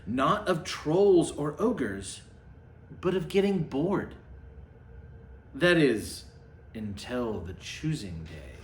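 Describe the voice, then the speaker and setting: In a roomy, echoing space, a man reads a storybook aloud with mocking commentary, hamming up the story and then muttering sarcastic, offhand remarks. He speaks at medium pitch in a sing-song way, extremely slowly, with long pauses. A little hiss or hum runs underneath.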